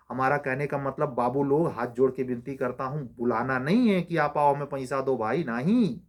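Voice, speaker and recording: A male law exam coach lectures his students, mid-pitched and insistent. He scolds and exhorts, firing one rhetorical question after another. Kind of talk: motivational lecture to exam aspirants.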